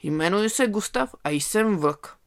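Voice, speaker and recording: Old toothless wolf grumbling away, gravelly, a bit raised voice, read by a storyteller. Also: mid-range voice, animated, close to an everyday voice.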